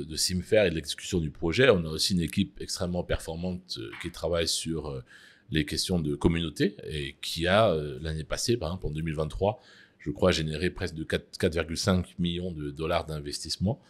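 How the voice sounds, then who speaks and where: Very deep-voiced man, measured and hesitant. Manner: measured, hesitant with frequent fillers. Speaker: interviewee, mining executive. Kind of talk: formal interview answers.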